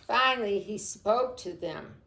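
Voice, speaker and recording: A woman librarian reading a picture book aloud to children, expressive and unhurried, praising the kids by name. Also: medium pitch. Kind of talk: storytime read-aloud. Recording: roomy echo.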